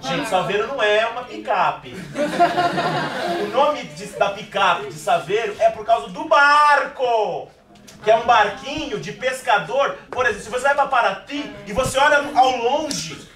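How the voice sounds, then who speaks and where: Lively high-voiced male teacher in an echoey classroom. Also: moderate pace. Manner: animated and joking, often laughing, checks in with the class. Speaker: literature teacher. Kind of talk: classroom lecture. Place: classroom with students. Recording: echoey classroom from far off, student chatter.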